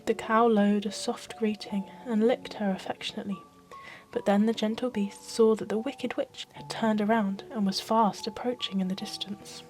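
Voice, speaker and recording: A woman storyteller reading a fairy tale in ASMR style, with a soft, expressive bedtime delivery. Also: mid-range voice, normal speed, soft background music, low-quality recording.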